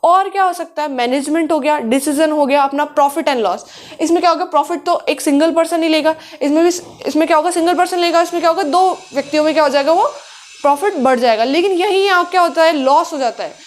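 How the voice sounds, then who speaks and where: A woman a high voice works through a commerce lesson. She mixes in as she explains, and she keeps posing questions that she answers herself. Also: fast. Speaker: commerce teacher. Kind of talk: classroom lecture.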